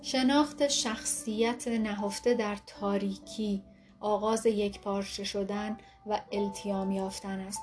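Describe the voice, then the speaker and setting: A woman narrating a self-help book in a calm, steady reading voice. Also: medium pitch. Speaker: audiobook narrator.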